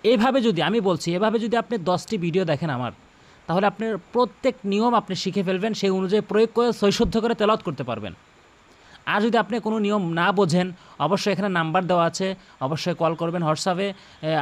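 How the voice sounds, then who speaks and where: A man teaching correct Quran recitation, slowly repeating words and correcting common mistakes. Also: sits high. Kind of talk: tajweed lesson with demonstrated recitation.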